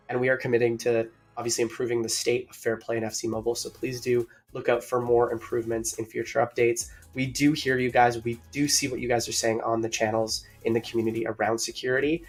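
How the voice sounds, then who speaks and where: A man's voice: mid-range voice, fairly even intonation, brisk, faint music behind. A man co-hosting a mobile game livestream, upbeat and chatty, greeting viewers in chat and sounding a bit out of breath.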